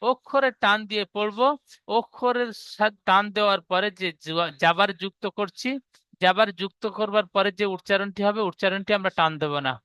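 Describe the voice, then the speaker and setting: A man teaches the reading of Arabic letters to a class. His voice sits high and bright, crisp and clear in a dry, close recording. He goes over each rule patiently, again and again. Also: a little fast, no echo.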